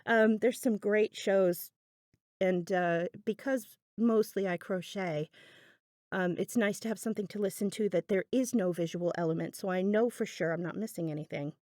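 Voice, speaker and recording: Her craft-video voiceover is unscripted and chatty, with plenty of self-deprecating musing, recorded indoors separately from the video. She speaks at a moderate pace in a mid-range, darkish voice, and the audio is dry and studio quality.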